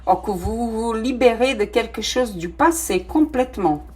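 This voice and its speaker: A woman's voice: a little high, normal speed, darkish tone. A middle-aged woman with a non-native French accent giving a casual tarot reading, hesitant with many fillers and delighted exclamations at the cards. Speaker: tarot reader.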